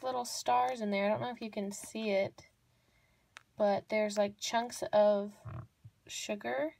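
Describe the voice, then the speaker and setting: A woman's voice: fairly high pitch, gravelly, a bit bright, no echo. A young woman narrating a casual show-and-tell of miniature toys off camera, gushing and repeating words for emphasis. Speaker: toy unboxing vlogger. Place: indoors at a table. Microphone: off-camera voice over hands-on tabletop close-up.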